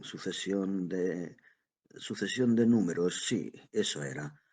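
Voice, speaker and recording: A man voicing a frail, irritable eighty-year-old man who stammers and halts over his words, in a husky voice. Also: fairly low pitch, expressive, a little mellow, exaggerated voice. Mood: halting. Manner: halting, stammering, querulous.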